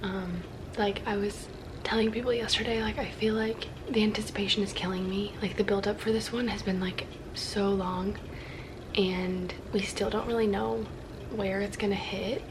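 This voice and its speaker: A woman's voice: medium pitch, steady tone, normal speed, background noise. A woman chatting casually to camera in a hesitant, rambling way with lots of filler. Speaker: vlogger.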